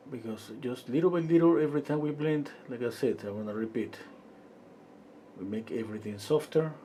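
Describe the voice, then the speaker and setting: A man from Peru teaching a live-stream painting lesson, quiet and unhurried, often trailing off into murmurs as he works. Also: medium pitch, a little hiss or hum. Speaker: painting instructor.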